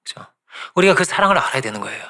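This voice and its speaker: A man's voice: mid-range voice, very animated, very fast, sharp tone. A male pastor giving a conversational sermon, often asking the congregation "right?" and repeating phrases for emphasis.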